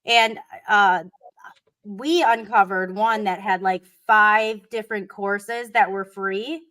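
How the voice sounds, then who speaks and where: A woman talking in a casual podcast chat in an unhurried way, with many fillers. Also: medium pitch, fairly even intonation, a bit bright.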